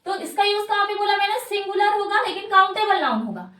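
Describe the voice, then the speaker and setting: A woman's voice: very high-pitched, expressive, fast talker, bright, forceful tone, far from the mic. A woman teacher explaining English grammar in Hindi, who keeps asking questions and answering them herself. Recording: echoey room, voice off-mic.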